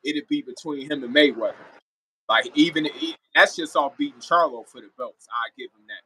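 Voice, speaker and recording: A man's voice: fairly high pitch, normal speed, pushed and bright, husky, poor audio. A man giving his opinions in a casual sports reaction video, repeating phrases for emphasis as a guest commentator.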